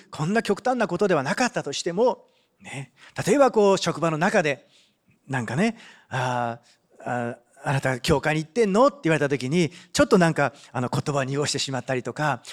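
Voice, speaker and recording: High-voiced man preaching a sermon. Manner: animated, with frequent rhetorical "ne" and Bible reading. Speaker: pastor.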